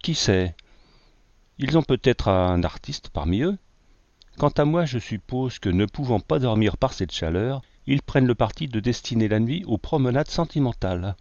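A man's voice: mid-range voice, lively intonation, normal speed, a little mellow, no room sound, close to an everyday voice. A man voicing a boastful male artist who brushes off danger with joking nonchalance. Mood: mocking. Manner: swaggering, jokey nonchalance. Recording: dull lo-fi, dry.

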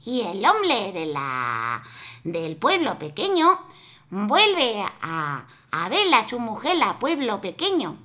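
Storyteller, simple phrasing, sung sound effects, lively pitch, bright tone. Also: slow pace. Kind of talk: telling a folk tale.

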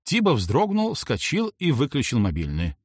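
A young man narrates a novel in first person, swinging his pitch widely from line to line with ironic flair. The recording is close and completely dry, without room sound. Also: huge pitch swings, normal speed, breathy edge, no room sound. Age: young adult. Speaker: audiobook narrator.

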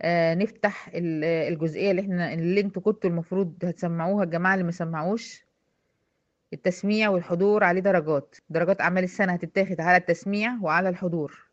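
A woman's voice: fairly low pitch, steady tone, racing, highs cut off. A woman with an Egyptian accent teaching a recitation lesson, patiently quizzing her female students step by step. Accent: Egyptian Arabic.

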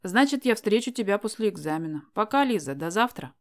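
A brash young man, read by a woman, teases and pushes with easy confidence in a storybook reading. The voice sits at an ordinary middle pitch, bold and insistent rather than gruff. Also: expressive, fairly quick, close to an everyday voice. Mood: teasing. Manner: teasing, pushy, insistent. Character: young man, brash and self-assured suitor.

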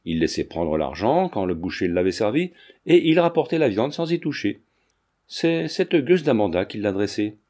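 A man's voice: lowish voice, very animated, normal speed, darkish tone. A man voicing a poor middle-aged fairground clown who talks in a blunt, plain way, read from a novel. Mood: earnest.

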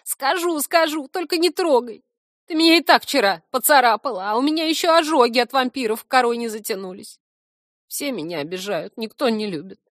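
A woman voicing a whiny, self-pitying little male tree-stump spirit with a creaky voice in an audiobook. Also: a little high, a little fast, a bit bright, no echo, clean studio sound, voice pushed up, lightly acted. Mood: whining. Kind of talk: audiobook character voice.

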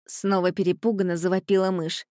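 A woman reading a storybook aloud in an expressive, scripted narration style. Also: lowish voice, fairly quick, no room sound, studio quality. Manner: expressive, voices the characters in quotes.

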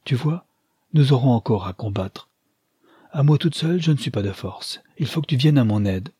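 A man voicing a shrewd, commanding old grandmother in a storybook reading, teasing and sly, with a husky voice. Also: mid-range voice, lively intonation, moderate pace, mellow, dry recording, clean studio sound, pitched above the performer's own voice.

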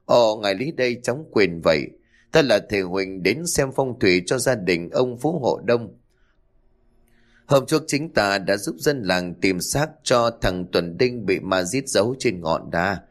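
A man voicing a calm middle-aged feng shui master in a storybook reading, measured and cool. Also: on the low side.

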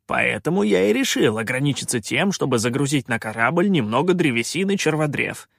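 A man's voice: mid-range voice, sing-song, fairly quick, gravelly, fairly bright tone, no room sound, clean studio sound, voice pushed up, exaggerated voice. A man doing a scornful, sarcastic pirate captain. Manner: scornful, irritated, coolly offhand.

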